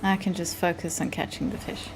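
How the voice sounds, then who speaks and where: A woman's voice: fairly low pitch, fairly even intonation, fairly quick, creaky, background noise. A woman with a South African accent, chatting casually with viewers while playing a game and reading their messages aloud. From South Africa, Cape Town. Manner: chatty, reads chat aloud, laughs easily. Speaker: streamer. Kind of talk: casual live-stream chat while gaming.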